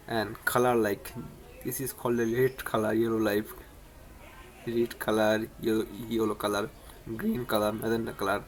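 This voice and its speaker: A man hosting his own channel, teaching English in a casual spoken lesson, often restarting and repeating words. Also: medium pitch. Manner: repetitive, many restarts and stumbles.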